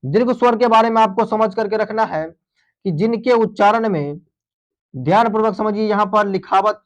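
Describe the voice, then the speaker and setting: A man's voice: high voice, moderate pace, muffled recording. A man teaches a grammar lesson. He drills exam points, repeating key phrases again and again, and keeps calling his students dear friends.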